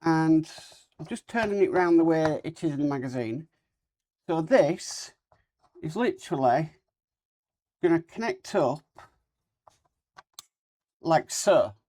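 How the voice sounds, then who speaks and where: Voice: mid-range voice, lively intonation, takes it slowly, long pauses, a little mellow. A person hosting a casual hands-on model-building video, talking with a cold sore on the lip. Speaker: host of a model-building channel.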